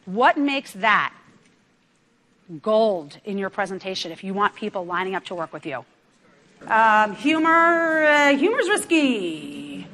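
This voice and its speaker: A woman from New York giving a lively motivational business talk to a live audience, often asking the crowd questions. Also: mid-range voice, slow. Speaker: business speaker. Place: event room with audience.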